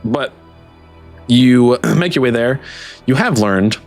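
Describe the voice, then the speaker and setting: A man's voice: mid-range voice, expressive, slow pace, a little mellow, soft background music. A man working as game master, improvising tabletop game narration in an informal, chatty way.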